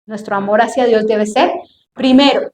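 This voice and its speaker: High-voiced woman preaching in an echoey hall. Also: a little mellow. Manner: emphatic, drawn-out phrasing with rising questions to the congregation. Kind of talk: sermon. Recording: echoey room, faint noise.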